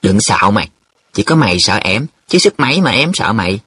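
A man's voice: lowish voice, big pitch swings, brisk, pushed and bright, breathy edge, full character voice. A man voicing a blunt young man who fires mocking questions at his friends.

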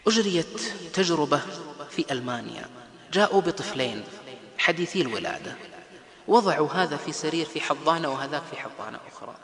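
A man preaching a lively religious lecture, acting out the voices he quotes. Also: fairly high pitch, fast, pauses often. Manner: animated, acts out quoted voices. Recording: echoey hall with crowd.

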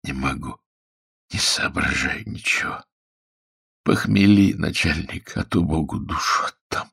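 A man voicing a hungover male thief who speaks in a hoarse, half-whispered voice, weak and pleading, in underworld slang. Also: deep voice, moderate pace, no echo, studio quality, exaggerated voice.

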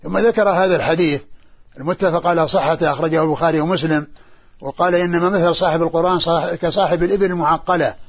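A man, a sheikh, explaining texts in a scholarly lesson, speaking haltingly with many restarts and repeated syllables. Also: on the high side, steady tone, slightly rough, dull audio. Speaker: sheikh teaching hadith.

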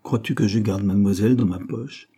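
A man's voice: lowish voice, fairly even intonation, brisk, warm tone, breathy edge. A man reading an impertinent young girl in an audiobook, with a pert, complaining tone.

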